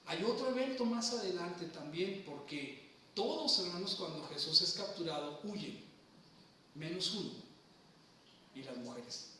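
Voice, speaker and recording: A man's voice: sits high, expressive, a little slow, sharp tone, slight background noise. Echoey man preaching from far off. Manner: teaching, asking the congregation questions, retelling scripture. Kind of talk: sermon.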